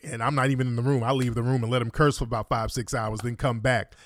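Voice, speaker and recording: A man hosts a livestream in a boastful, heated, slang-heavy way. His voice sits at a middling pitch, and the sound is close and dry with no room around it. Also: steady tone, fast talker, dry recording. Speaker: livestream host. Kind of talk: combative commentary.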